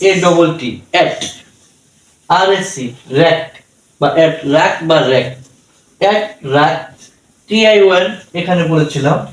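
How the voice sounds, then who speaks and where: A man teaching English pronunciation, spelling words out letter by letter and repeating each syllable slowly. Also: a little high. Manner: slow, deliberate, repeats syllables. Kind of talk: classroom-style lesson, spelling out words letter by letter. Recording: echoey room, voice from a distance.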